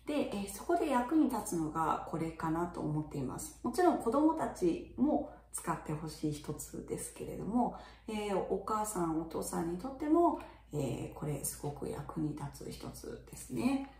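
A chatty middle-aged woman teacher explains in a relaxed, friendly lesson, her pitch rising and falling a lot. Her voice is mellow and dark in tone, and it sounds roomy, as if the mic is a little way off. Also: normal speed, hardly any pauses, recorded from a distance. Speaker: English teacher for young children. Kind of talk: casual video lesson.

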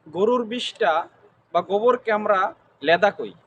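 High voiced guy w/ gazipur accent answering slow, faint ambient noise. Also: expressive, a bit bright, lo-fi sound. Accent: Gazipur Bengali dialect. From Gazipur, Bangladesh. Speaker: interviewee. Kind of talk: street interview answers.

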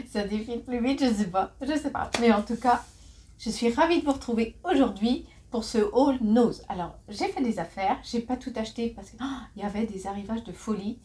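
A woman's voice: a little high, normal speed, a little mellow. A woman in her forties chatting casually through a shopping haul vlog, giggling and making self-mocking asides. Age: 40s. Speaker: vlogger. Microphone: phone camera.

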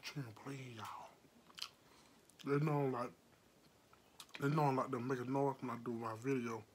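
A man's voice: mid-range voice, level tone, unhurried, a little hiss or hum. A man chatting casually to viewers with his mouth full while eating. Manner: laid-back, addresses viewers as y'all. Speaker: mukbang vlogger.

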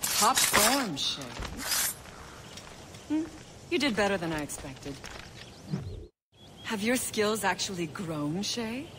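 A stern assassin teacher. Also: female voice, mid-range voice, animated, slow pace, pauses often. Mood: dry praise. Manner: commanding, dry and teasing. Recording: game audio under loud noise.

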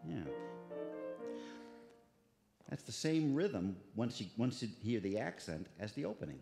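A man's voice: medium pitch, very animated, measured pace, creaky, warm tone. A man lecturing on music who scats rhythms aloud to illustrate and often restarts his words, speaking in a concert hall. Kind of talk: lecture with live musical examples. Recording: echoey concert hall with long reverb.

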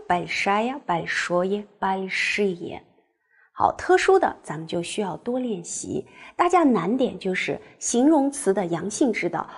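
Husky woman teaching a language lesson. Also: medium pitch, darkish tone. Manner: clear, patient explaining with drills. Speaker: Russian teacher. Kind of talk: online grammar lesson.

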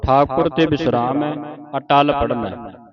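A man teaching correct pronunciation of scripture, reciting line by line and pointing out pauses and letters, in a dull lo-fi recording with people murmuring. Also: mid-range voice, a crowd in the background. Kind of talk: slow line-by-line recitation lesson.

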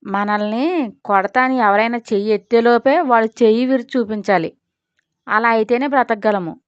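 A woman's voice: fairly high pitch, normal speed, dry recording, lo-fi sound. Woman narrating a dramatic audio story. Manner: reads all characters in a mostly even voice.

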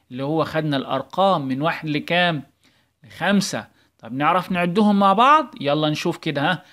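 A man's voice: on the high side, fairly bright tone. A man with an Egyptian accent teaching English in a recorded video lesson for young children. He prompts with questions and stretches out his praise in a sing-song way. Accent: Egyptian Arabic. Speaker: primary school English teacher.

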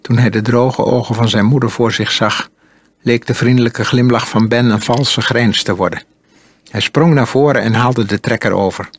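A man narrating an audiobook in a calm, measured storytelling manner. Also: medium pitch, breathy edge, no echo. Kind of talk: audiobook reading.

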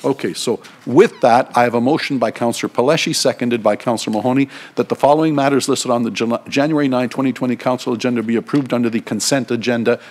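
Middle-aged male council chair, brisk procedural delivery, desk mic in a chamber, mid-range voice. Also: mid-range voice, darkish tone. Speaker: council chair running a meeting. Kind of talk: formal meeting procedure. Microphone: desk microphone.

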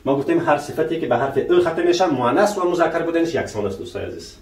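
A male language teacher gives a French lesson in Persian, his voice on the high side, lively in intonation and a little mellow. Patient and explanatory, he keeps quizzing viewers with rhetorical questions, calls them dear friends, and pronounces French example sentences slowly and carefully. The recording is roomy and echoey, with his voice a bit far from the mic.

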